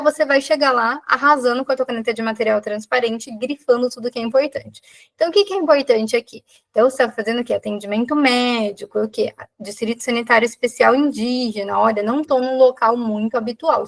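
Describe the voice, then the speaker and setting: A woman with a Brazilian Portuguese accent, a doctor tutoring a live exam prep lesson, who explains cases step by step and keeps putting questions to her class. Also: fairly high pitch.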